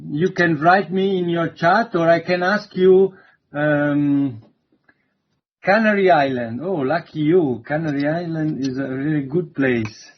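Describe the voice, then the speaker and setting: A man's voice: a little high, dull audio. A man giving an online introductory university lecture, hesitant and full of fillers. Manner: slow, hesitant, many fillers.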